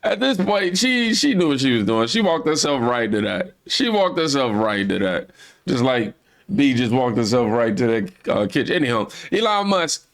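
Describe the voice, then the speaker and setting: A man hosts a casual reaction commentary and talks straight to his audience. His voice has a gravelly, fry-tinged edge. He rambles loosely from one thought to the next. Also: medium pitch, very animated, moderate pace. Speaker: YouTube reaction host.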